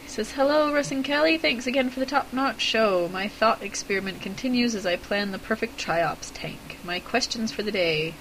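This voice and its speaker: A woman co-hosting a casual podcast, with a croaky frog voice from being under the weather. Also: fairly high pitch, normal speed, few pauses, fairly bright tone, a little hiss or hum, rough recording. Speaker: podcast co-host.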